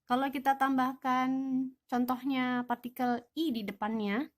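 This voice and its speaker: A woman's voice: sits high, fairly even intonation, unhurried. A young woman teaching an online language lesson, patiently explaining rules and answering her own questions.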